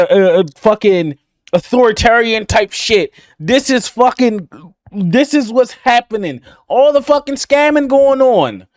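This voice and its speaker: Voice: mid-range voice, no echo, clean studio sound. A reaction video host ranting angrily with heavy profanity while commenting on a clip. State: livid.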